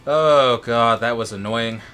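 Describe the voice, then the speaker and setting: Speaking slowly at a medium pitch, this American gamer has a clean, slightly bright voice. He co-hosts a let's play, drifting through casual game talk and frequently starting his phrases over.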